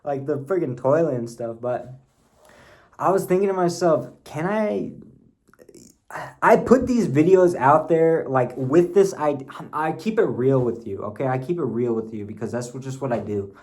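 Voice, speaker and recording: A man's voice: mid-range voice, lively intonation, moderate pace, a little mellow. A young man rambles into his camera at home, telling a story in loose, slangy chat. He swears casually and drifts from one thought to the next. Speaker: vlogger. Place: at home, bathroom nearby.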